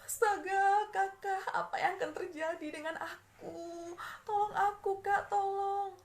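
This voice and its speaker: A woman voicing a frightened young child who is turning into a scaly reptile, crying out in a high, pleading voice. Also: normal speed, fairly bright tone, reverberant. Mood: panicked. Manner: high, pleading, wailing cries. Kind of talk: storytelling.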